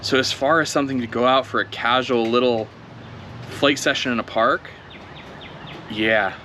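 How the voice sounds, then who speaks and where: A man talks casually outdoors, his voice bright and a little forceful as he thinks aloud mid-flight. A faint outdoor hum sits behind him. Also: mid-range voice, normal speed. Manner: relaxed, chatty, thinking aloud while flying. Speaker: drone video creator. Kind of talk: casual first-flight commentary.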